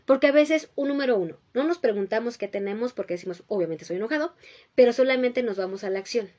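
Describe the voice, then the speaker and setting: A woman with a voice pitched a little above the usual hosts a talk on emotional maturity. She explains patiently and step by step, often pausing for a quick rhetorical check-in, and repeats her key points so they stick. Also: dark tone. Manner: teacherly, checks in with a frequent rhetorical "¿sí?". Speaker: host giving emotional-health advice. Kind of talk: explanatory talk answering viewers.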